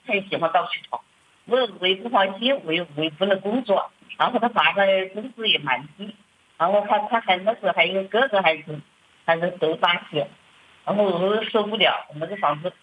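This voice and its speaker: Middle-aged churchwoman, plaintive and hesitant, breathy voice, muffled sound. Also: on the low side. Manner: hesitant, repeats words and restarts, plaintive. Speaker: church member sharing her troubles. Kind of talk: halting personal account. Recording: muffled lo-fi recording.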